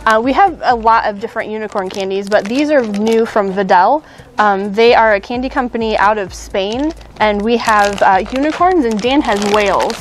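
A woman's voice: medium pitch, moderate pace, a little hiss or hum. A woman in her thirties hosting a casual candy shop chat, upbeat and chatty with fillers and small laughs.

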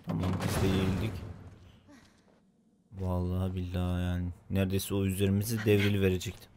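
A man in his thirties giving casual let's play commentary, reacting excitably to the game with frequent exclamations and swearing. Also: low-pitched, brisk, very noisy. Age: 30s.

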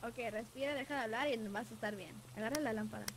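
A woman, co-playing a horror game and calmly directing and teasing her teammate. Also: on the high side, quick pace, background noise. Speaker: co-player. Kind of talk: casual gameplay chat.

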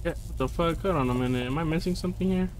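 A man giving let's-play commentary on a game, talking to himself in slangy, profane bursts and shouting when startled. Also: a little high, very fast, slight background noise. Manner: slangy casual speech. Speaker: gaming video host.

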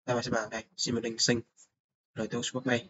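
Young male student presenter, halting delivery full of fillers, dull low-fi mic with faint hiss. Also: completely flat delivery, fairly bright tone. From Vietnam. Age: young adult. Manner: hesitant, many filler sounds. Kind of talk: screen-recorded course report.

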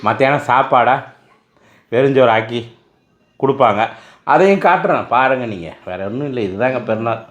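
A man's voice: medium pitch, normal speed, pauses often, fairly bright tone, muffled recording. A man hosting a casual family vlog, talking glumly straight to his viewers. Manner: glum, talks straight to viewers, sings a sad song a few times. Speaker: family vlogger.

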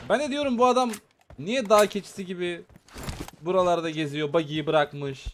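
A man hosting a gaming channel, giving excitable live commentary on a shooter match and chatting casually with his viewers. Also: sits high, moderate pace, noisy background.

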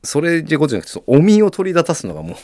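A man's voice: fairly high pitch, huge pitch swings, racing, a little mellow, no room sound, studio quality. A young man co-hosting a comedy podcast, chatting casually with teasing jokes and reading out listener mail. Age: young adult.

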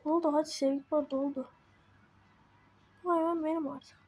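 A woman's voice: sits high, steady tone, normal speed, darkish tone. A woman giving casual commentary while playing a game, talking to herself and getting exasperated. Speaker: gaming video host.

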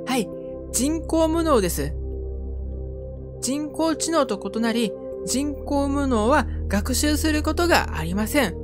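A woman voicing a polite, deadpan android girl assistant who speaks in formal chatbot phrases, with game music underneath. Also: high-pitched, slow pace, voice pushed up.

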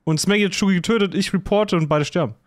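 A man's voice: high voice, fast, dry recording, studio quality. A man in casual voice chat during a social deduction game, chatty and full of theories and joking asides. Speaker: game player.

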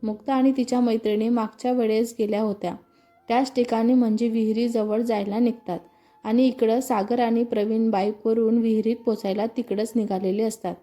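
A woman storyteller reads a scripted romantic tale in a steady, even way. Her voice sits high and sounds mellow and warm. Soft background music runs faintly beneath her. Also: fairly quick.

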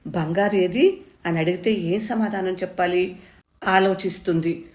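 A woman reading a story aloud, raising her voice for the characters' shouts. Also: lowish voice. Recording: echoey room.

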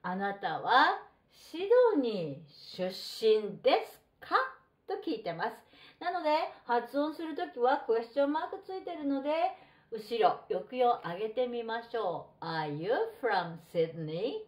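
A middle-aged woman teaching a textbook English lesson, reading model phrases slowly and deliberately. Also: on the high side, big pitch swings, dull audio. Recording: roomy echo.

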